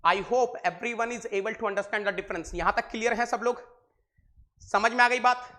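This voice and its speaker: A man's voice: extremely high pitch, unhurried, bright, forceful tone. An Indian man with an Indian accent giving a live online engineering lecture, mixing Hindi and English, repeating points and quizzing his students affectionately.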